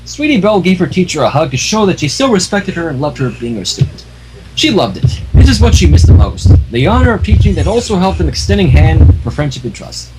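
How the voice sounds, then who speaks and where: Brisk and sing-song, a man with a voice on the high side reads fanfiction to his livestream audience, casually breaking in with his own remarks. The home microphone picks up plenty of noise.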